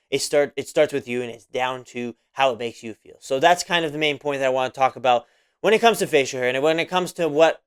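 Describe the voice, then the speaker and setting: A man's voice: medium pitch, a bit bright, clear, resonant tone. A man of about twenty hosting a casual solo podcast monologue, rambling and repeating himself with many fillers. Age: 20s. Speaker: podcast host.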